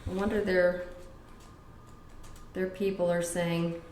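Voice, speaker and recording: A woman's voice: lowish voice, level tone, slow pace, reverberant, background noise. A middle-aged woman giving a casual tarot reading, blunt and profane, with emphatic repetitions. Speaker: tarot reader.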